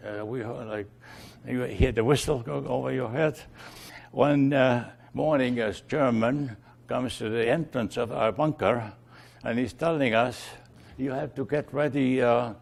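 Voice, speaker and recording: An older native Estonian speaker from Estonia slowly recalls his family's past in an oral history interview, with many fillers and restarts. His voice is medium-pitched and a little mellow, with vocal fry.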